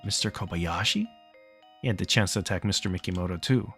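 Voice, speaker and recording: Soft music plays behind a man whose low, fairly bright voice moves briskly as he reads a visual novel aloud for a let's play. He keeps the narration plain, pausing at times for casual asides where he jokes and laughs.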